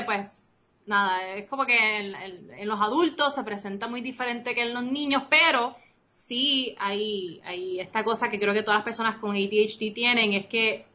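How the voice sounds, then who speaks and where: Originally from Costa Rica and now speaking in Puerto Rico, this bright-voiced woman has Puerto Rican Spanish with some Costa Rican traces and a mid-range voice. A game designer appearing as a guest in a casual interview, she rambles, restarts often, uses plenty of fillers, and slips into English, all in lo-fi audio.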